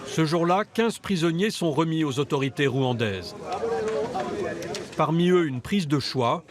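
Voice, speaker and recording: Grave male documentary narrator, raised pitch. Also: animated, unhurried, a crowd in the background. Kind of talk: scripted voice-over narration. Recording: music bed under the voice.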